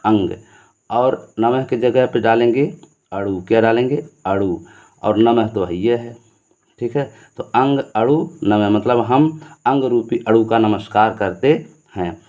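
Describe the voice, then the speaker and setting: Male teacher, warm and mellow tone, patient classroom explanation, answers his own questions. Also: lowish voice, unhurried. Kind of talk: explaining Hindi grammar to students.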